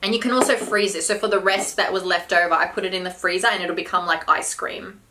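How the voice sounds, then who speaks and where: This vlog host and health coach, a woman in her thirties, speaks fast in a lowish, steady voice with a bright, forceful tone. She eats at a table in a small indoor room, chatting casually and giving health advice. Recorded on a camera a short distance off, there's background noise plus clinking bowls and cutlery.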